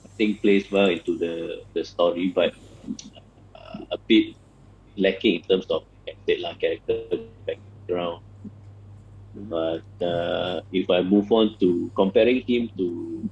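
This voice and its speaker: A man's voice: sits low, steady tone, unhurried, gravelly, darkish tone, breathy edge, rough recording. A Malaysian man casually discussing films, switching between Malay and English in a colloquial way peppered with 'lah'. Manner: colloquial code-switching with frequent 'lah' particles. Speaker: guest film critic.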